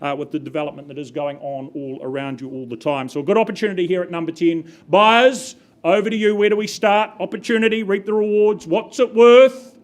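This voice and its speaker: A woman's voice: lowish voice, fairly even intonation, fairly quick, hardly any pauses. A woman working as a live auctioneer, calling out bids and repeating figures in short phrases as she prompts bidders.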